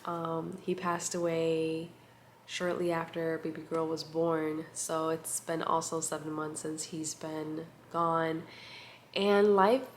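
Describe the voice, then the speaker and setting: A woman chats to the camera in a casual catch-up vlog, recorded on a compact camera mic with slight background noise. Her voice sits low and level and sounds nasal and congested. She speaks softly and reflectively, with lots of pauses and fillers.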